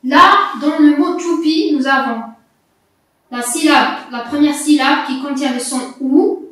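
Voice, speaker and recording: A high-voiced woman teacher talks slowly and deliberately to young children, spelling out each letter and syllable. Her voice rings through a very echoey classroom, picked up from some distance away. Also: fairly bright tone, a little hiss or hum. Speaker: primary school teacher. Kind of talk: slow, carefully articulated lesson for young children.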